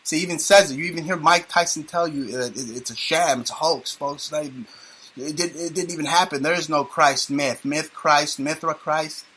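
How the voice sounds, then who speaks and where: A man's voice: on the high side, fairly quick, bright, forceful tone, breathy edge, poor audio. A man hosting a talk radio show, rambling and joking in a sardonic way. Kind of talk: casual talk radio banter.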